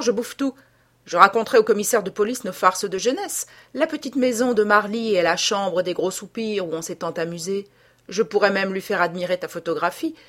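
A woman's voice: medium pitch, fairly bright tone. A woman reading aloud, voicing a sinister, corpse-like male blackmailer who taunts with mocking familiarity. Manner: sneering, overly familiar, taunting.

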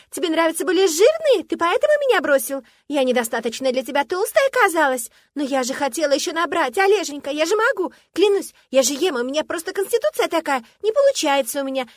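A woman voicing a spoiled, jealous blonde woman with a shrill, squealing voice and loud, overacted whining. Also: very animated, fast talker, hardly any pauses, no room sound, clean studio sound. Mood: frantic whining.

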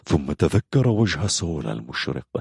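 Deep-voiced male storyteller, animated and expressive, dry booth sound. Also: moderate pace, creaky, husky, no room sound. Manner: expressive, dramatic reading. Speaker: narrator. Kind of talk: storybook narration.

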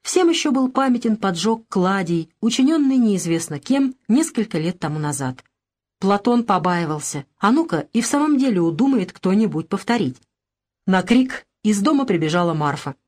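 A woman narrating a novel as an audiobook, in a steady, even storytelling manner. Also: medium pitch, normal speed. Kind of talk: scripted narration.

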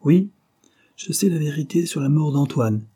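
A man's voice: on the high side, animated, normal speed, mellow, breathy edge, pitched above the performer's own voice. A man voicing a jealous man who threatens and blackmails a young woman, in a hard, mocking tone. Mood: threatening.

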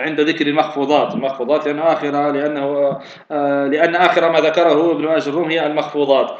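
A man teaching a grammar lesson, explaining step by step. He often poses a question and answers it himself, with many fillers and restarts. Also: a little high. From Tunisia. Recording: echoey, dull lo-fi recording with faint noise.

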